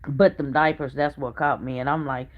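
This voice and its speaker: A woman's voice: extremely low pitch, steady tone, moderate pace, narrow, tinny audio. A middle-aged woman, a family vlogger, telling a personal story to her viewers in a chatty, earnest way. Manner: chatty and earnest, drops to a hush when retelling what others said.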